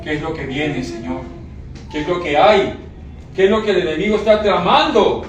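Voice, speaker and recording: A man with a high voice preaches with emotion, repeating lines and putting questions to his listeners. His voice echoes heavily around the room, and he is picked up from some distance with faint noise behind. It sounds like a church recording. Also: moderate pace. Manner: emotional, repeats phrases, asks the congregation questions. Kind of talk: sermon.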